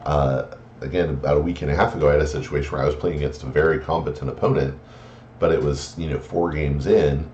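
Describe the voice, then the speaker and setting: A card game player offers friendly, considerate etiquette advice in a casual instructional talk, hesitant and full of fillers and restarts. He's a fast talker with a very deep, slightly mellow voice and fairly even intonation. The recording is roomy, slightly muffled, with faint noise.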